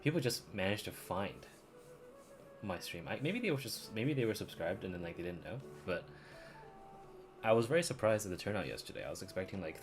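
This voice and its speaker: A live streamer with a low voice chats casually while playing a video game. You can hear game music and dialogue behind him.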